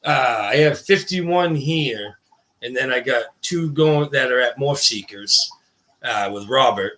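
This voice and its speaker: A man's voice: mid-range voice, unhurried, sharp tone. A man chatting casually and colloquially on a livestream, rambling and restarting, pronouncing his R's as W's. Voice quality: cannot pronounce R, says w for r. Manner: rambling, colloquial, self-interrupting. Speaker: guest, ball python breeder.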